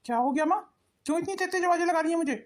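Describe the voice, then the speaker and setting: A woman's voice: very high-pitched, very fast, slight background noise. A woman voicing a grown son in a cartoon, coldly firm toward his mother. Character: cold grown son siding with wife. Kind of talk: cartoon voice acting.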